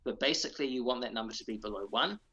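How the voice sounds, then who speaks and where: A New man answers interview questions with care and many fillers. His voice sounds bright and sharp, but it comes through a dull, muffled video call. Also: mid-range voice, breathy edge. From New Zealand. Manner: careful, measured explaining with many fillers. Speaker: guest geneticist.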